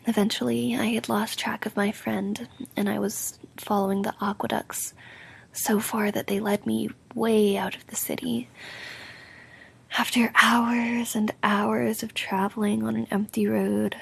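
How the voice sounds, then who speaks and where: A woman doing an ASMR role-play as an affectionate, sleepy girlfriend, speaking softly, drowsily and intimately in a breathy soft voice with creaky edges. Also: mid-range voice, level tone, measured pace. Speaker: roleplay audio performer playing a sleepy girlfriend.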